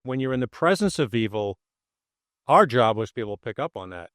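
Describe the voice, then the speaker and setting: A man, a podcast host and former investigator, speaking in a measured, authoritative and wry way at a live show. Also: mid-range voice, sing-song, fairly bright tone, no room sound, studio quality. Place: pizzeria before live audience.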